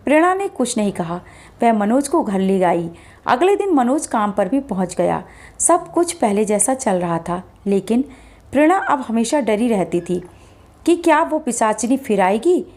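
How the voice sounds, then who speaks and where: A woman's voice: a little high, measured pace. Woman narrating a horror story. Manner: steady, dramatic storytelling.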